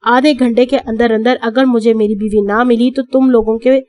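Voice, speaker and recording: A woman's voice: on the high side, steady tone, darkish tone, no echo, natural voice. A stern young police officer who snaps out curt commands, read by a woman narrator. His words come clipped and hard. The recording is dry and close. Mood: commanding.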